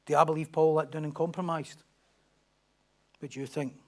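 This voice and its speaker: Pastor preaching emphatically. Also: male voice, on the high side, little pitch movement, normal speed, darkish tone. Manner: emphatic, repetitive preaching with rhetorical questions. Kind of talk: sermon.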